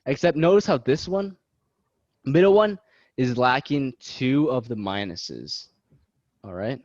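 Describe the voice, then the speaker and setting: A man's voice: medium pitch, expressive, a little slow, a little mellow, dry recording. Young man tutoring casually over video call. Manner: loose, joking, self-deprecating. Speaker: student tutor. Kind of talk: casual study-session teaching. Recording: dull lo-fi video call audio.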